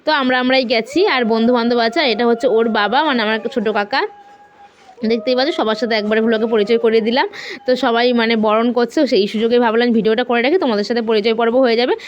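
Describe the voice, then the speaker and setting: A woman's voice: a little high, steady tone, rapid-fire, muffled recording. A young woman, chatting through a casual vlog voice-over and narrating with many fillers. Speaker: vlogger.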